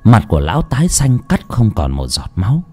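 A man narrating a horror story in a slow, dramatic, suspenseful way. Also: lowish voice, huge pitch swings, dark tone, husky, soft background music.

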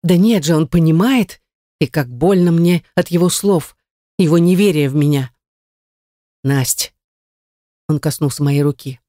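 A woman's voice: deep voice, moderate pace, dark tone, no room sound, clean studio sound. Woman reading an emotional audiobook. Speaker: audiobook narrator. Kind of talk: first-person audiobook narration.

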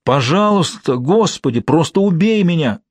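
A man reading an audiobook, voicing a badly injured woman who speaks faintly and slowly between wheezes. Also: a little high, expressive, no room sound, voice pushed up. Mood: pleading. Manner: slow, faint and rasping. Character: dying woman, weak and delirious. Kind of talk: audiobook character voice. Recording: dry studio sound.

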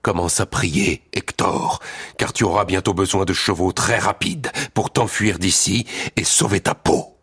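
A warrior telling his battle, deep and grave. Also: measured pace, fairly bright tone, husky, heavily acted. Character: Greek warrior recounting his fight. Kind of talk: scripted literary narration.

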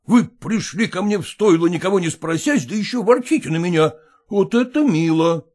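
A proud, fussy male yard dog, read by a man in an audiobook, speaking in a stern and indignant way. The husky voice sits a little higher than most men's. He lingers over his words, slow and deliberate. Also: animated, a little mellow. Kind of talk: audiobook reading.

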